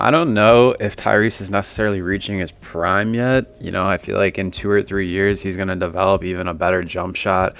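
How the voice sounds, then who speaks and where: His low voice has a fairly bright, clean tone. As host of a basketball commentary channel, he works through viewer takes in a loose, conversational ramble full of fillers.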